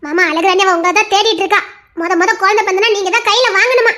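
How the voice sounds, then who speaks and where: Super high quick young woman doing a tirunelveli girl nagging her uncle to hurry. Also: bright, forceful tone. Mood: urging. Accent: Tirunelveli Tamil. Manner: urging, insistent.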